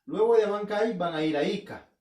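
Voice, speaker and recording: A man teaching a literature class in a casual, animated way, asking questions and answering them himself. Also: sits high, brisk. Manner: animated, asks and answers his own questions. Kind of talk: casual remote class lecture. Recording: echoey room, voice somewhat far from mic.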